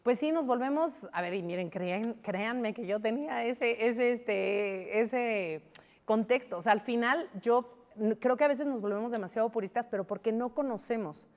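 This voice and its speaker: A Mexican woman in her forties speaks with a fairly high, animated voice, throwing out rhetorical questions as she makes her case. Her words ring with a long reverb, as if she were in a large, echoing studio. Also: normal speed. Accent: Mexican Spanish. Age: 40s. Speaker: guest. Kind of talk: studio debate chat.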